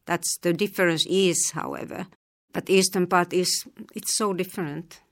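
A middle-aged woman from eastern Finland with a Finnish accent, a language teacher answering interview questions thoughtfully, with many pauses and restarts. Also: fairly low pitch, steady tone.

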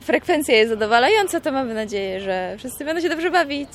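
A woman's voice: high-pitched, lively intonation, fast, slight background noise. A woman coordinating a poetry event, answering a reporter in an upbeat, explanatory way. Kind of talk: interview answers.

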